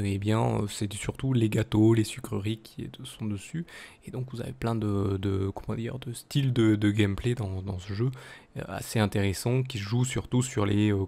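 A man's voice: on the low side, creaky, darkish tone. A man with a French accent hosting his small channel, talking casually with many fillers and restarts. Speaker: youtube channel host. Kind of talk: casual video outro commentary.

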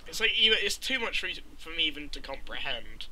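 Exasperated young man, bright voice. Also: a little high, big pitch swings, low-quality recording. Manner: exasperated, swearing, quick reactions. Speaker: gamer commentator. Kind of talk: casual let's-play commentary.

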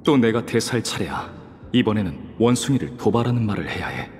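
A young student hero muses quietly to himself in a game. His delivery is thoughtful and understated, with faint music behind. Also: animated, brisk, in a large hall. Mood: calm, deliberating. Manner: low-key, thoughtful inner monologue. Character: young male student hero musing inwardly before his lines. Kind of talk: anime-style game voice acting.

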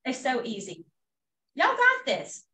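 A woman, encouraging and animated, showing social media tips on a casual group video call. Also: high-pitched, measured pace, husky.

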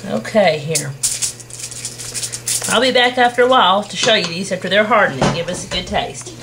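A woman's voice: mid-range voice, lively intonation, normal speed. A young woman, walking through a home cooking recipe step by step in a folksy, homey way in her kitchen. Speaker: cooking show host. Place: home kitchen with wooden walls. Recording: noisy home camcorder audio.

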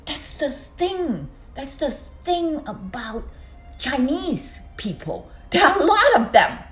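Older woman vlogger from Hong Kong, slow and animated, lively swooping pitch, close phone mic. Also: faint music behind. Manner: animated, gesturing with both hands, swooping pitch. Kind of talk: casual monologue to camera. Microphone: phone on a stand close to her.

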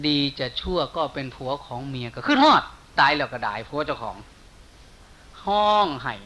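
Thai monk telling a folk tale, Isan accent. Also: male voice, medium pitch, moderate pace. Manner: storytelling in lively folksy speech, softening for quoted lines. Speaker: monk preacher. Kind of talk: sermon storytelling. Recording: faint hiss.

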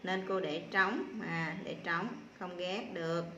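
A woman primary school teacher giving a slow spelling lesson to young children, patiently sounding out syllables one by one with filler pauses. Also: lowish voice, steady tone, sharp tone, roomy sound, highs cut off, slight background noise.

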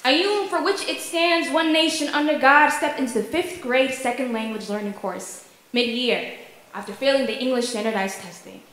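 A young woman performing a spoken word poem at a stand microphone in a wood-paneled hall, rhythmic and emphatic, with deliberate stammered repetitions. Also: sits high, fairly bright tone.

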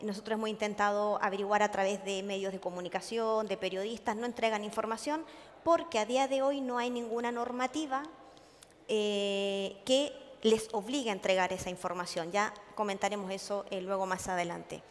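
A woman's voice: medium pitch, steady tone, moderate pace, slight background noise. A woman giving a conference talk to an audience, earnest and full of hesitations, often checking in with her listeners. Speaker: conference speaker. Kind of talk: public lecture to an audience. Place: large conference hall. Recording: long hall reverb.

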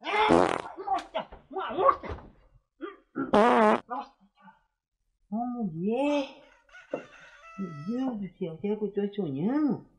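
A man's voice: very high-pitched, big pitch swings, takes it slowly, pauses often, heavily acted. A man playing a flustered country bumpkin. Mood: bewildered. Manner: flustered, exclaiming. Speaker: comic lead.

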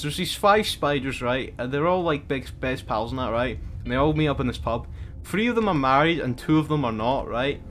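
A man's voice: a little high, fairly bright tone. A young man streamer in casual, rambling chat who often stops and restarts his words.

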